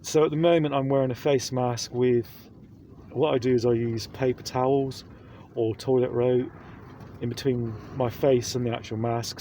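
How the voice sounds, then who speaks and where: A man's voice: mid-range voice, creaky, mellow, a little hiss or hum. A man talking to camera in a rambling vlog, full of fillers and restarts, speaking through a face mask. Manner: rambling, repeats himself, many fillers. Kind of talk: casual vlog monologue.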